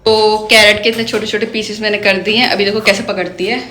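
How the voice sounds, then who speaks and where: A woman's voice: medium pitch, level tone, quick pace, bright, forceful tone. A woman filming a home vlog on her phone, talking to her parrots in a sing-song voice that turns from scolding to cooing. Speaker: pet vlogger. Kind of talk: casual vlog narration. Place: indoors at home. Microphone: phone held in hand.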